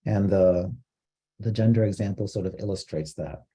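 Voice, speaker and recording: A man from Costa Rica giving an online training lecture, explaining terms in a measured way with frequent fillers. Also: low-pitched, mellow, husky. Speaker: diversity trainer.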